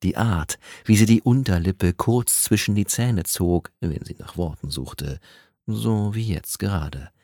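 A man's voice: low voice, unhurried, dark tone, dry recording, studio quality. A man narrating a romance audiobook in an intimate, dramatic way, lingering on phrases.

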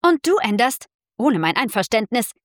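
A woman voicing a proud young woman who is a sharp-tongued rival colleague, speaking in a clipped, indignant way. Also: on the high side, sing-song, normal speed, no room sound, clean studio sound. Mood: cool, firm.

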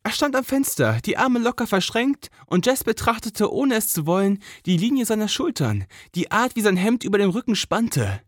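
A narrator reading a romance story aloud with emotive delivery and lingering pauses. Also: mid-range voice, big pitch swings, dry recording, clean studio sound. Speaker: audiobook narrator. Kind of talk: expressive romance audiobook narration.

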